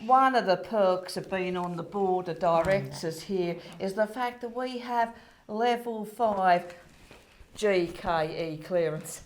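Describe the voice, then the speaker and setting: A woman's voice: medium pitch, slow, natural voice. A woman acting a bubbly, bossy Saint Peter in a comic play, theatrical, emphatic and giggly. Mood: brisk, officious.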